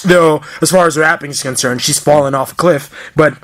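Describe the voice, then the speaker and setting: A man co-hosting a casual movie review podcast, excitable, laughing often and restarting his sentences. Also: on the high side, fairly quick. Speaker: podcast co-host.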